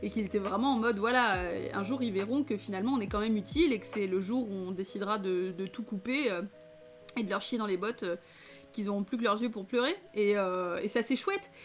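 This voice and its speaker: A woman from France giving a casual, chatty film debrief, laughing often and filling pauses with hesitations. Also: mid-range voice. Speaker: film reviewer. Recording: faint music behind.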